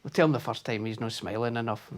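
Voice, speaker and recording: A man's voice: medium pitch, fast talker, very noisy. A man, directing a pantomime and chatting casually with jokey banter. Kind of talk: casual backstage chat.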